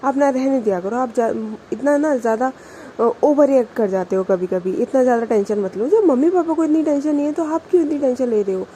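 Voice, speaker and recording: Woman doing a young woman in love, quick-tempered, flustered, high voice, mellow tone. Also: a little hiss or hum, close to an everyday voice. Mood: irritated. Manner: pleading, flustered, near tears when upset.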